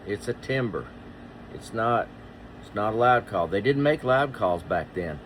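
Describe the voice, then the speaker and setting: Slow, low-voiced man in his sixties. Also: lively intonation, background noise. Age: 60s. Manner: deliberate, with pauses and rhetorical questions. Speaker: duck hunter and caller, vlogger. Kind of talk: reflective monologue to viewers.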